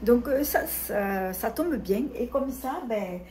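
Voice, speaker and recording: A woman's voice: on the high side, animated, slow, darkish tone, a little hiss or hum. A middle-aged woman presenting a casual beauty haul, talking hesitantly with many fillers and restarts. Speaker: beauty vlogger.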